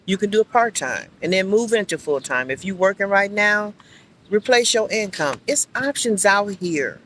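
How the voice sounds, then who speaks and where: A woman who sells life insurance talks in an upbeat, chatty way as she vlogs outdoors on a walking track, speaking straight to her viewers. Passing cars and street noise are clearly heard behind her voice. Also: medium pitch, animated, normal speed, fairly bright tone. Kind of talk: casual outdoor vlog.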